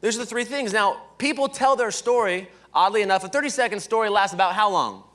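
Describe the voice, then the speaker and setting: A man giving a live motivational training talk at a conference, energetic, often asking "right?" and throwing questions to the audience. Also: high-pitched, fairly quick. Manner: energetic, keeps checking in with "right?". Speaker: sales leadership trainer. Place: conference hall, indoors.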